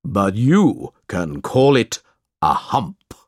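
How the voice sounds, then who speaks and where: A man voicing a solemn, commanding male djinn spirit in a storybook reading, speaking slowly and sternly. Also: on the low side, big pitch swings, no echo, studio quality, heavily acted. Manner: slow, stern, deliberate.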